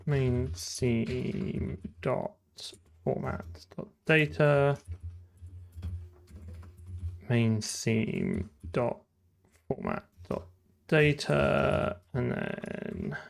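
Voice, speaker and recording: A programmer streamer does live coding commentary, thinking aloud and muttering fragments to himself over the sound of typing and clicking. His medium-pitched voice is creaky, and he draws out his words.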